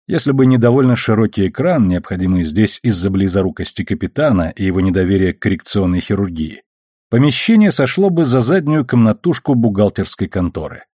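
A male audiobook narrator with a low, husky voice. He reads in a steady, measured way. The recording is dry and close, with no room sound. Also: no room sound. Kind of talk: scripted narration.

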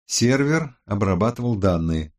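A man narrating a detective audiobook in a measured, expressive reading. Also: lowish voice.

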